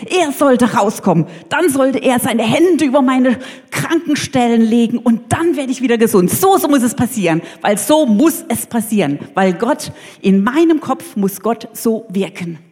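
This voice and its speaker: A woman preacher telling a story as a sermon in an animated, conversational, jokey way. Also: a little high, moderate pace, breathy edge. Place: church hall. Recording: long reverb in a church hall.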